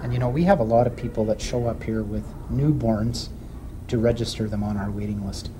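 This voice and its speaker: A man's voice: lowish voice, fairly quick. School admin guy, thoughtful, trips over his starts a bit, noisy background. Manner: thoughtful, hesitant restarts. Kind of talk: interview answers.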